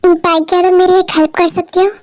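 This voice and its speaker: A woman's voice: extremely high pitch, level tone, a little fast, dry recording. A woman voicing a pushy young childhood friend who talks in a pleading, wheedling way. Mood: sweet.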